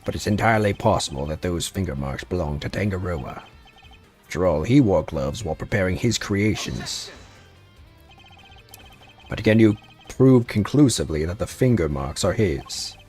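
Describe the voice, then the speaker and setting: A man's voice: low-pitched, lively intonation, moderate pace, darkish tone, soft background music. A man voicing a cold, pompous prosecutor from a video game, domineering and scornful in formal speech. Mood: smug challenge. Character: haughty male prosecutor, cold, accusing and domineering.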